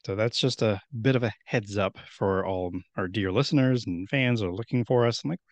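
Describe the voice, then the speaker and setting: A man's voice: lowish voice, moderate pace, no echo. A man in his thirties hosting a podcast in a rambling, friendly way, with many restarts. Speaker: podcast host. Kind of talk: casual podcast chat.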